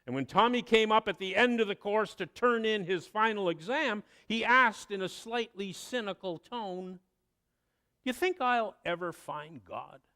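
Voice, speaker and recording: A man preaching a sermon, telling a story with expressive delivery and dramatic pauses. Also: high-pitched, clean tone. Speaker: pastor.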